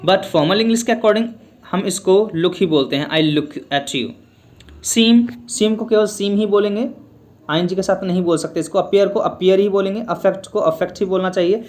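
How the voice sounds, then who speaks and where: A man teaching an English grammar lesson in Hindi, reading each English example slowly and then explaining it step by step. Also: high-pitched.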